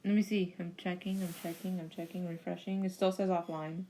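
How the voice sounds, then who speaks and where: A woman's voice: on the low side, little pitch movement, fairly quick, warm tone, rough recording. A woman hosting a drawing stream, chatting casually and rambling with lots of fillers. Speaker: streamer host.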